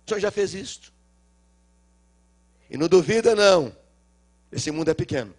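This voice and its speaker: A middle-aged male pastor with a Minas Gerais accent, preaching a sermon and acting out the dialogue of a story, swinging between loud cries and low murmurs. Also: expressive, moderate pace. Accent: Brazilian Portuguese, Minas Gerais. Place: church.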